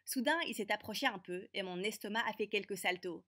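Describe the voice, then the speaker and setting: Feisty teen girl telling her cartoon story, brisk, sarcastic, bright tone. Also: mid-range voice. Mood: sardonic. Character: feisty teenage girl, new student narrating. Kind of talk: animated story narration.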